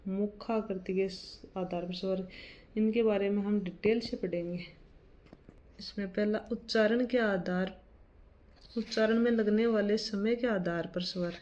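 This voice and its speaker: A woman teaches grammar at an unhurried pace, reading definitions from her notes and then explaining them in plain words. Her voice is mellow and stays level, with little rise or fall. The recording is dull and lo-fi. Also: mid-range voice.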